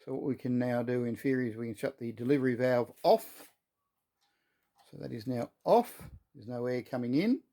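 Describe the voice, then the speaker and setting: This workshop vlog features a man talking in a chatty, folksy way as he works in his shed, often poking fun at himself. He speaks at a moderate pace with a warm, medium-pitched voice.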